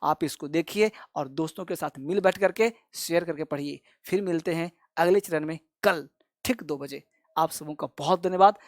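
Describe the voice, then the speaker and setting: A man's voice: on the high side, normal speed, no room sound, studio quality. A male English teacher explaining a lesson, who repeats each rule over and over and fondly addresses his viewers as friends and kids.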